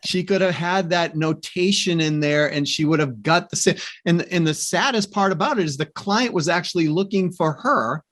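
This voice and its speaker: A man's voice: a little high, normal speed, hardly any pauses, a bit bright, no echo, studio quality. A middle-aged man hosting a podcast interview, telling stories in a chatty way with lots of asides and restarts. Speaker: podcast host. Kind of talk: casual interview chat.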